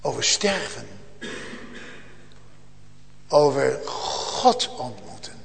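A man preaching a solemn sermon, slow and earnest, rising at times to loud emotional cries. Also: medium pitch, lively intonation, creaky, slight background noise. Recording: long church reverb.

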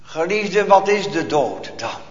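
A man preaching a solemn sermon, asking rhetorical questions and leaving long pauses. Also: on the high side, big pitch swings. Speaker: pastor. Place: church hall. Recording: echoey church hall, dull lo-fi.

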